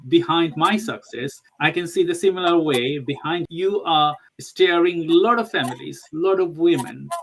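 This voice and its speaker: A man's voice: a little high, creaky. Man, from Bangladesh, interview host, earnest, rambling questions, faint hiss. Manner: rambling, earnest, halting phrasing. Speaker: podcast host. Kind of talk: interview conversation.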